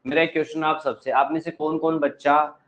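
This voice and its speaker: A man's voice: fairly high pitch, little pitch movement, a little fast, fairly bright tone, highs cut off. A male teacher lecturing a class, asking the pupils questions and giving advice.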